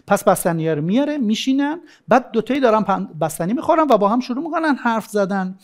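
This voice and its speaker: A man gives a relaxed, conversational lecture with a fairly high voice. His pitch rises and falls a lot as he acts out little example scenes between couples. He sounds like a teacher chatting with his class. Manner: colloquial and animated, acting out little scenes. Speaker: sex educator. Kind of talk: recorded course lecture.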